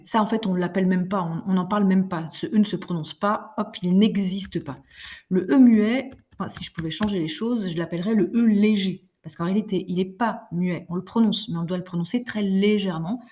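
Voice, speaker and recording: A woman teaching a French class in a recorded online lesson, explaining patiently with many fillers and reading verse slowly. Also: mid-range voice, mellow.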